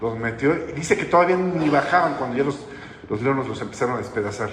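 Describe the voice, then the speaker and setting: A man's voice: medium pitch, expressive, fast talker. A man preaching a sermon as pastor, in a conversational way that keeps asking the congregation questions. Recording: echoey hall with long reverb, faint noise.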